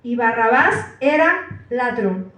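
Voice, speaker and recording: Woman preacher reading the bible out loud, calls the verse numbers, sounds far from the mic in a big echoey church. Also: a little high, animated, slow. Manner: reads verses aloud, calls out verse numbers, asks listeners questions. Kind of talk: scripture reading in a church sermon. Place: church hall.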